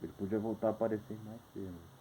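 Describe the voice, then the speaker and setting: A man's voice: lowish voice, steady tone, rapid-fire, warm tone, slight background noise, low-quality recording. A man with a Brazilian Portuguese accent giving a rambling, hesitant spoken film review, full of restarts.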